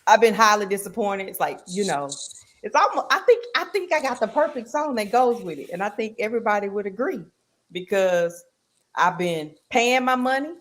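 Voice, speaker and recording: A woman in a relaxed sports talk show, her voice sitting in a middle pitch. She talks loosely with fillers and drops into a lower, softer tone while she weighs her picks. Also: fairly quick. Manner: animated, loud and laughing when worked up. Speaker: podcast co-host. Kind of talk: casual sports chat.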